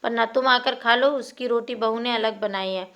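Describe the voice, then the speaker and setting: A woman voicing an older village aunt who is proud and hurt, giving sharp, resigned retorts. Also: fairly high pitch, moderate pace. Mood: curt. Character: Panna, widowed aunt, proud and wounded.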